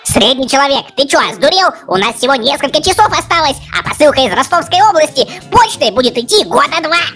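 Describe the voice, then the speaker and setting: A woman's voice: high-pitched, big pitch swings, brisk, fairly bright tone, heavily acted. A woman voicing a brash, sarcastic talking corgi in a comic cartoon dog story. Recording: music behind the voice.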